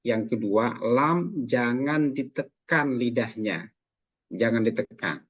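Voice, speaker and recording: A man teaching Quran recitation in an online class, patiently correcting students and modeling each sound slowly. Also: mid-range voice, lively intonation, slightly rough, dry recording, dull audio. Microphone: video call.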